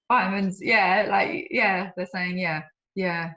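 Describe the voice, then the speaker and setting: A woman client in a therapy session, slowly and hesitantly describing the images she sees. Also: mid-range voice, sharp tone, lo-fi sound. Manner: slow, hesitant, full of fillers and restarts.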